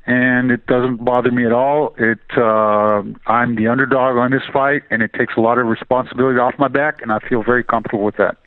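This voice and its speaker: A man's voice: mid-range voice, steady tone, brisk, hardly any pauses, dry recording. A man working as an interpreter, translating consecutively on a press conference call over a phone line. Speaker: interpreter between Portuguese and English.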